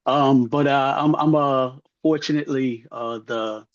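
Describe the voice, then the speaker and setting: A man's voice: mid-range voice, fairly even intonation, measured pace, dry recording. Hesitant man as a podcast guest. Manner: hesitant, many fillers. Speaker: podcast guest, former track coach. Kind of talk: casual chat. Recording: dull, dry sound.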